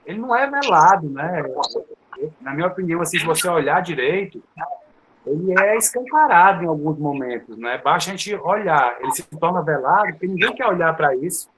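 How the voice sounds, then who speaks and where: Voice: medium pitch, expressive, fairly quick. A co-host in a casual panel chat, reflective, building a point step by step. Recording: noisy call audio.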